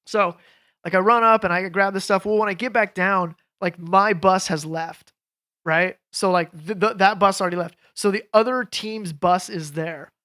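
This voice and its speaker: A man in his thirties, a guest on a podcast, telling casual stories in a rambling, animated way with lots of fillers. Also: high voice, normal speed. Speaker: podcast guest, jiu jitsu coach. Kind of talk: casual storytelling chat.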